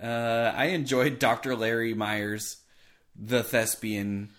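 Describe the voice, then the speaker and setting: A man's voice: mid-range voice, little pitch movement, slow, fairly bright tone. A man co-hosting a podcast, chatting casually about a TV episode, amused, laughing often and making playful asides. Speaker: podcast co-host.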